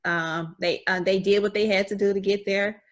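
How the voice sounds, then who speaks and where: A woman's voice: mid-range voice, steady tone, normal speed. A woman co-hosting a casual sports podcast, upbeat and playful, with frequent fillers and laughs. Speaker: podcast co-host.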